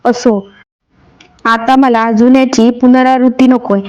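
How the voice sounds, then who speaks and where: A woman reads out a heartbroken young husband in a storybook tale, pleading and then firm and bitter. The voice sits fairly high, and the recording sounds a bit dull and lo-fi. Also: flat delivery, unhurried, darkish tone, close to an everyday voice. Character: grieving young husband, man, heartbroken and defiant.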